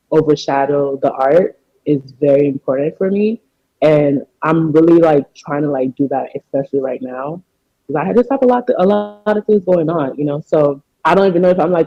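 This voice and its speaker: American male guest, fairly high voice, earnest casual interview talk, slightly dull dry call audio. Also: dry recording. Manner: informal, earnest, frequent "you know" and "like". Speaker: podcast guest, artist.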